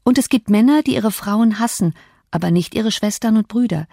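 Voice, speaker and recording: A woman's voice: medium pitch, gravelly, dark tone, no room sound, studio quality. A woman reading an audiobook, voicing an earnest, hot-tempered teenage girl. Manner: earnest, quick to flare up.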